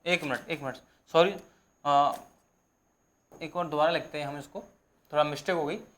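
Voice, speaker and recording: Young guy teacher, high voice, repeats every word slow so you can take notes. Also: steady tone, a bit bright. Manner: repetitive, dictating terms slowly for notes. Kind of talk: exam-prep lesson.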